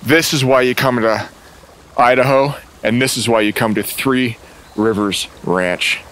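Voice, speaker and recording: This fishing show host talks excitedly while fishing on a river outdoors, laughing, exclaiming, and sharing casting tips, at times breathless. He has a medium-pitched, fairly bright voice and speaks unhurriedly.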